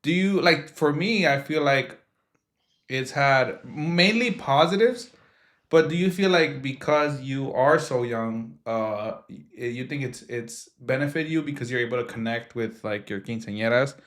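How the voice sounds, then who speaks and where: A man's voice: medium pitch, a little slow, fairly bright tone. A man in his twenties hosting a podcast, chatting casually and joking with lots of fillers. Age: 20s. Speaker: podcast host. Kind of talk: casual chat.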